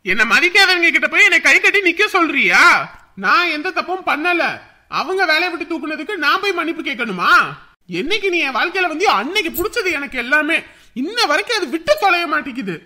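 A woman's voice: extremely high pitch, expressive, fairly quick, pushed and bright, exaggerated voice. A woman voicing an irritable, out-of-work young husband in a cartoon family story, complaining about his troubles. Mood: irritated.

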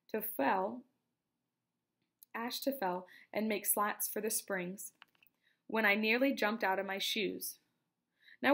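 A woman reading a novel aloud in a steady, unhurried storytelling manner. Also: medium pitch, gravelly. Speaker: reader.

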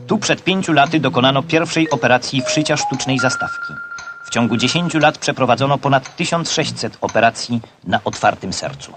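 A man narrating an old newsreel in a formal, measured, official tone. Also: medium pitch, animated. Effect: old newsreel soundtrack. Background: loud music.

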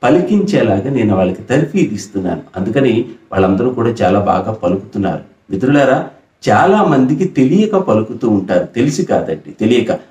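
A man's voice: medium pitch, sing-song, fairly quick, a little mellow. A middle-aged man from Andhra Pradesh teaching pronunciation for singing, explaining patiently and singing short example phrases. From Andhra Pradesh, India. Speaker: music teacher. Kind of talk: pronunciation lesson with sung examples. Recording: roomy echo.

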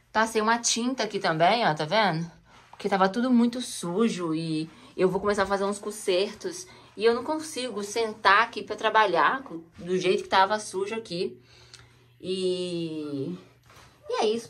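A home vlogger with a slightly bright, mid-range voice shows viewers around her house in a relaxed chat, pointing things out as she moves. The tour takes place in a cold stone basement indoors, shot on a handheld phone camera.

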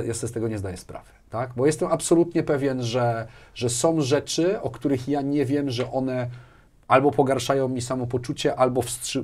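A technology executive appears as a podcast guest, chatting casually in a mid-range, darkish voice. He often repeats words and ends phrases with checking questions. He's recorded on a lapel mic indoors, in a small furnished studio lined with padded wall panels.

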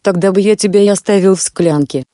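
A woman voicing a bold, cheeky young peasant man in a read-aloud fairy tale, with a mellow tone in a dry recording. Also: medium pitch, fast, no echo, lightly acted. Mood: calm. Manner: fearless and mocking.

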